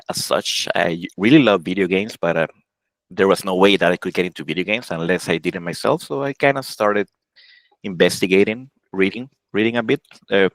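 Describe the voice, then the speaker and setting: A man in his forties from Honduras talks through his career as an interview guest. He speaks casually and haltingly, stopping and restarting his sentences often. His voice sits fairly low, and the recording is dry with no room echo. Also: fairly bright tone. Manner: halting, many restarts and self-corrections, laughs often. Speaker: game programmer, interview guest.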